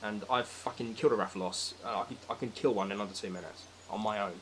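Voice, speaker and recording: In a fast, lowish voice, a British man on a podcast argues about films casually and with strong opinions, ranting emphatically, exasperated and sweary. The audio is poor, with slight background noise.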